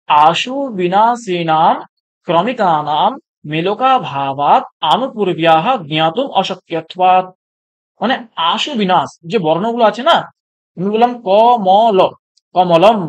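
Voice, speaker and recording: Teacher asking and answering his own questions. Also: medium pitch. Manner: asks questions and answers them himself; recites Sanskrit lines slowly. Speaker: Sanskrit teacher. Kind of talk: exam-prep lecture.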